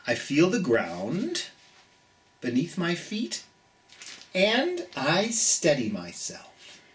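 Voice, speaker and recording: Huge pitch swings mark the mid-range voice of a middle-aged storytime host for children, who reads aloud and chats in a gentle, theatrical manner. The host speaks directly to young listeners and draws out words for emphasis.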